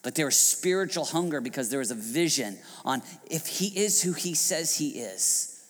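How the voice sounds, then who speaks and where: A male pastor preaching a sermon, swinging from hushed passages to loud, shouting outbursts. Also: fairly high pitch, animated, normal speed, long reverb tail. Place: church hall.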